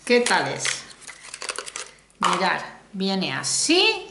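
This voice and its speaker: Chatty, animated woman from Spain, echoey room. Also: mid-range voice, very slow. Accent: Spanish (Spain). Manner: chatty, exclamatory, addresses viewers directly. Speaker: beauty vlogger. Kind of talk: casual makeup haul review. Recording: echoey room, faint noise.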